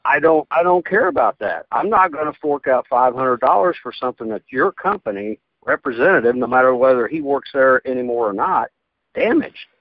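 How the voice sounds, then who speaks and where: A man's voice: medium pitch, lively intonation, fairly quick, no echo. Indignant man over a landline phone. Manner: indignant, stammering restarts. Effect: heard over a landline phone call. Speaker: prank call target. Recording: muffled phone line.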